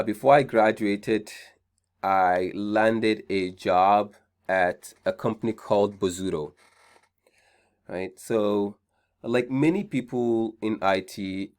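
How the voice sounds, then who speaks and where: A man with a Nigerian accent hosting an online career seminar, chatty, often repeating his points and checking in with "right?". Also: lowish voice. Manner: conversational, repeats key points, frequent "right?" check-ins. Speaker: seminar host.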